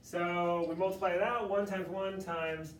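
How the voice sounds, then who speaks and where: A man's voice: sits high, steady tone, normal speed, slight background noise. A male math tutor leading a classroom session, joking and coaxing students through each step. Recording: echoey room from far off.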